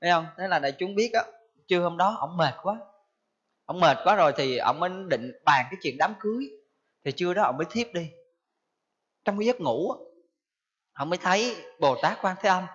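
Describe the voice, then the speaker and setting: A man's voice: sits high, lively intonation, brisk, pauses often, a bit bright, breathy edge. A man with a Southern Vietnamese accent giving a storytelling Buddhist sermon, asking his audience questions as he tells the tale. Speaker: Buddhist preacher. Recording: dull lo-fi recording.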